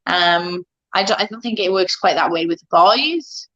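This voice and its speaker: A woman's voice: on the low side, animated, moderate pace, a bit bright, dull audio. A woman, answering casually as an interview guest, thinking aloud a little hesitantly. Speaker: guest, MMA fighter.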